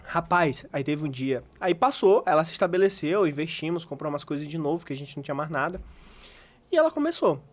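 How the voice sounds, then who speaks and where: A man's voice: fairly high pitch, very animated, fairly quick. A man hosting a podcast in casual chat, telling a story and laughing along. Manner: chatty, laughs along, uneven pace. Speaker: podcast host.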